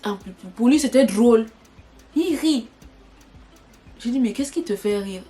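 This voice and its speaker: A young woman telling a personal story in an animated, dramatic way for her vlog. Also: a little high, measured pace, soft background music. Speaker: vlogger.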